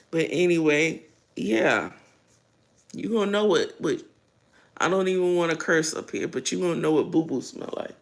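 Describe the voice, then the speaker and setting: A woman's voice: low-pitched, lively intonation, measured pace, creaky, pauses often. A middle-aged American woman chatting casually and bluntly in a rambling vlog while she eats, her mouth sometimes full. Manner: blunt, earthy. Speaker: vlogger.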